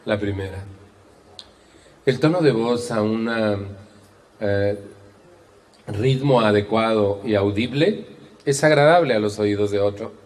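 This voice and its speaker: Animated Mexican man telling anecdotes. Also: on the low side, unhurried, long pauses. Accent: Mexican Spanish. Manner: animated storyteller, acts out voices, wry humor. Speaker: speaker on communication. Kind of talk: motivational talk with anecdotes.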